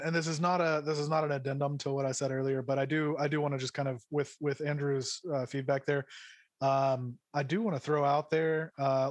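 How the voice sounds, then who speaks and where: A man's voice: mid-range voice, no room sound. A man in casual podcast chat, caught close and dry with no room sound. He stumbles over restarts and jokes profanely. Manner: stammering restarts, profane, joking. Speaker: podcast co-host.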